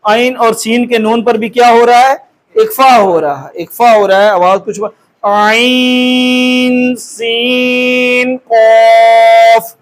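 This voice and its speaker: High-voiced man teaching Quran recitation. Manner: patient, repeats "theek ho gaya ji" and slowly draws out each demonstrated syllable. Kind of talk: step-by-step recitation lesson.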